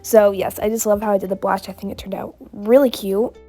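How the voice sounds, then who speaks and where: A woman's voice: mid-range voice, steady tone, a little fast, dark tone, soft background music. A woman with a cold, bubbly and gushing, casually narrating over her drawing as an art vlogger. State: has a cold.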